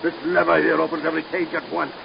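An actor playing a megalomaniac mad scientist who gloats theatrically in a 1930s radio drama. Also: male voice, on the high side, flat delivery, quick pace, vocal fry, lo-fi sound, over a noisy crowd. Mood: gloating. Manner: gloating, theatrical, rising to shrieks. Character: megalomaniac mad scientist breeding giant spiders. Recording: scratchy 1930s radio recording.

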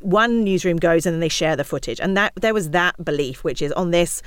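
A woman speaking as an interview guest, telling stories in an animated way and acting out what others said. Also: lowish voice, clear, resonant tone, no room sound, studio quality. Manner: fast, animated storytelling with acted-out quotes. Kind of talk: conversational interview.

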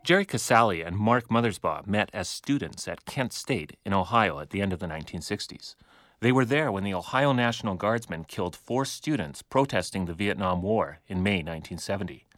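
Male radio host, low and dry, measured narrator. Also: animated, a bit bright, dry recording. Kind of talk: scripted narration and interview.

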